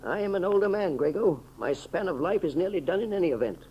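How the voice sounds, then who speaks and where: An actor playing a kindly older doctor, thoughtful and measured, in a 1930s radio serial. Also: male voice, high-pitched, animated, husky, full character voice. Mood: grave, resolved. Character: kindly older doctor, gentle, self-sacrificing loyal friend. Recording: muffled old 1930s radio recording.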